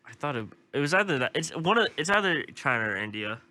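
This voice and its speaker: Animated joking young man co-host. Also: on the high side, fast talker. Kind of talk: casual chat.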